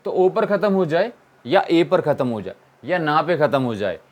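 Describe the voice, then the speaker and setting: A man's voice: on the high side, very animated, moderate pace, lo-fi sound. A man teaching an English grammar lesson, asking questions and answering them himself and repeating the key points. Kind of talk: classroom-style explanation.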